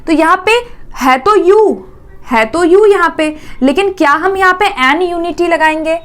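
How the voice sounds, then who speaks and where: A woman teaching an exam-prep grammar lesson, repeating words slowly and checking in often. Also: very high-pitched, a bit bright.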